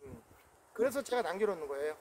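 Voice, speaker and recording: A man's voice: high-pitched, expressive, quick pace. A man in his forties talking outdoors on a rocky hillside in a casual vlog, with a preachy manner and frequent affirmations. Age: 40s. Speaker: vlogger. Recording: noisy outdoor recording.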